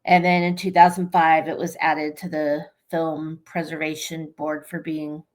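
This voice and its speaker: A woman's voice: low-pitched, flat delivery, unhurried, a little mellow. A woman co-hosting a casual movie chat, joking, blunt and swearing casually. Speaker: podcast co-host.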